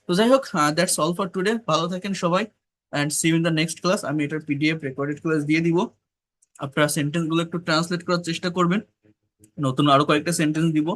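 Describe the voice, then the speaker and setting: English tutor, Bengali-man, slightly high voice, slow repeated reading then brisk coaching. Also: steady tone, fairly bright tone. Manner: slow, repeats phrases while reading dialogue. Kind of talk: online English class.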